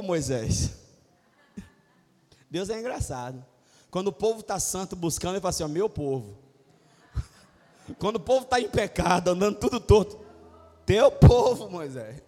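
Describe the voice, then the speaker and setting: A middle-aged man, preaching a lively, joking sermon from a church pulpit, breaking into sudden shouts and acted-out quotes. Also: high-pitched. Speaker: pastor. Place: church sanctuary. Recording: reverberant church hall.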